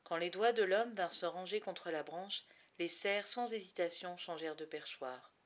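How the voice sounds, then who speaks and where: A woman narrating a storybook in a somewhat low voice. She reads expressively, in measured phrases broken by dramatic pauses, letting the tension build. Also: fairly bright tone. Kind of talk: storybook reading.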